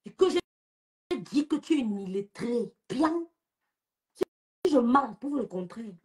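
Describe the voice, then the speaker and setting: A young Cameroonian woman speaks in a husky, slightly high voice, taunting and scolding someone in a live-stream rant. Her Cameroonian French accent stays clear as she mocks and lectures without letting up. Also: expressive, slow pace, darkish tone. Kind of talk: social media live rant.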